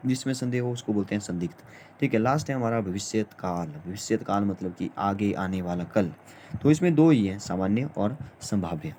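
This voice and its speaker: A man teaching a grammar lesson in an informal manner, repeating himself and often pausing on fillers. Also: medium pitch, mellow, a little hiss or hum.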